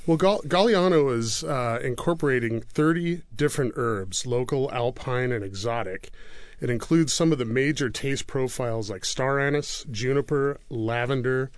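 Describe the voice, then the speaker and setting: Relaxed male radio guest. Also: mid-range voice, moderate pace, no room sound. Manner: relaxed, explanatory storyteller. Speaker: guest, spirits brand regional manager. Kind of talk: radio interview. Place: radio studio.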